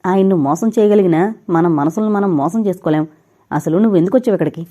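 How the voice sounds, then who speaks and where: Woman reading anguished heartbroken man, curt, hurried, warm dark tone, audio novel. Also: on the low side, close to an everyday voice. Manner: pained, brusque, hurried.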